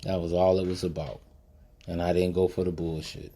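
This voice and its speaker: A man's voice: low-pitched, flat delivery, moderate pace, dark tone. A man hosting a podcast, telling a personal story in a blunt, profane, emphatic way that turns motivational. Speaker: podcast host.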